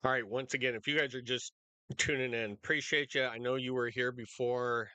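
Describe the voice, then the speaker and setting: Man, crisp bright tone, dry close sound, casual halting live weather commentary, talking straight to viewers. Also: medium pitch, steady tone, dry recording. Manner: informal, halting, addresses viewers directly. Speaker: storm-coverage livestream host.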